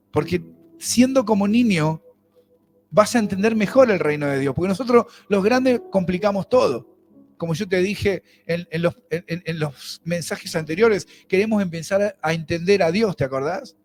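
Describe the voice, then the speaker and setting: A man's voice: sits high, lively intonation, normal speed, darkish tone, soft background music. A man with a Rioplatense Spanish accent, preaching a sermon as pastor in a conversational way, asking the congregation questions.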